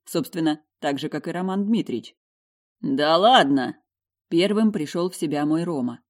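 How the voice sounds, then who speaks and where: A woman narrating an audiobook in the first person, in a lively, emotional way. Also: sits low, brisk. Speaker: audiobook reader.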